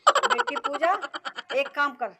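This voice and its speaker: A woman's voice: sits high, sing-song, slow, bright, forceful tone, a little hiss or hum, exaggerated voice. An actress playing a middle-aged village mother, scolding and calling after her son. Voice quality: nagging, calling out. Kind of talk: rural comedy film acting.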